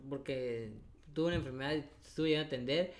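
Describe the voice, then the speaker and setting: A man's voice: mid-range voice, quick pace. A young adult man with a Mexican Spanish accent, co-hosting a casual podcast chat, slangy and laughing, swearing freely. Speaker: podcast co-host. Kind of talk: casual chat among friends.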